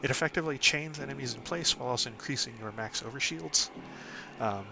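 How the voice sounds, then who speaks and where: A man hosting a casual game guide, talking through a character build in a relaxed way, with frequent "um"s and "of course"s. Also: mid-range voice, fast, creaky, background noise. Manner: relaxed, lots of ums and "of course". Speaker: gaming channel host.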